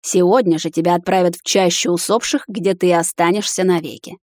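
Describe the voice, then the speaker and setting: A woman's voice: fairly low pitch, steady tone, a little fast, darkish tone, no echo, clean studio sound, close to an everyday voice. A woman voicing a cold, stern mother witch. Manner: cold, solemn pronouncement.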